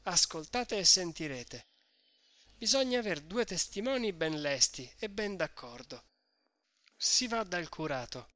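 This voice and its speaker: A man's voice: high voice, lively intonation, a little slow, bright, forceful tone, exaggerated voice. A man reading as a shrewd, talkative middle-aged mother. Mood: explaining. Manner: insistent, explaining.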